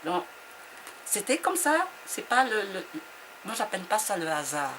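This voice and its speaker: A woman's voice: medium pitch, sing-song, normal speed. A woman author from Vietnam, speaking in a reflective interview conversation. She hesitates and often repeats her words as she searches for them. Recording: noisy background.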